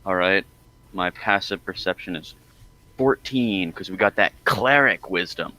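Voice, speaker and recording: A man's voice: low-pitched, measured pace, pushed and bright, a little hiss or hum, poor audio. A man playing a cleric in a tabletop game, chatting casually, eager and joking. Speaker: player, cleric.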